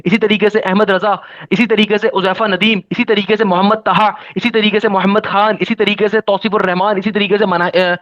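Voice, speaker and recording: A man's voice: high-pitched, a bit bright, dull audio. A man, a test-prep teacher giving an upbeat guidance lesson and rattling off lists of students.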